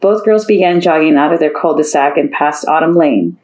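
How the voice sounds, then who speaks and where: A woman's voice: sits low, moderate pace, darkish tone, poor audio. A woman narrating a story aloud, reading steadily and lifting her voice for the characters' lines.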